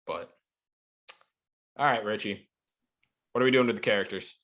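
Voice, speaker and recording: A man's voice: fairly low pitch, normal speed, a bit bright, poor audio. A man co-hosting a casual podcast chat, rambling with lots of fillers and swearing. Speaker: podcast co-host.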